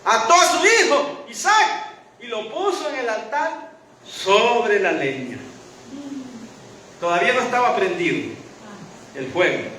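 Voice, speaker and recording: A man's voice: sits high, very animated, slow pace, pauses often, bright, forceful tone, distant mic. A man preaching a sermon as pastor, emphatic and full of rhetorical questions. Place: church hall. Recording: echoey church hall from afar, faint hiss.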